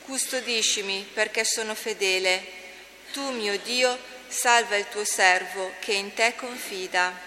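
A woman reading scripture as lector at mass, slow and measured. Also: medium pitch, bright, forceful tone. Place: church. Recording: reverberant church, faint hum.

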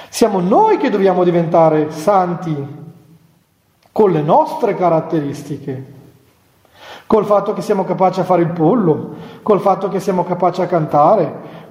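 A man's voice: high-pitched, darkish tone. A man, a Franciscan friar, giving a conversational spiritual talk to nuns, chatty with humorous asides and chuckles. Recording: echoey hall with long reverb.

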